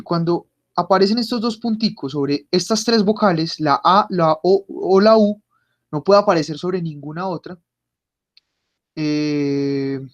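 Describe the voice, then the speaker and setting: Online German teacher. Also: mid-range voice. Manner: patient, drills pronunciation by repeating words. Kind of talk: online class explanation. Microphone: computer mic on a video call.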